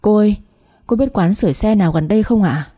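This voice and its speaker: A woman's voice: medium pitch, fast talker, mellow, close to an everyday voice. A woman voicing a clumsy young man who stammers polite apologies, in a spoken story. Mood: flustered polite.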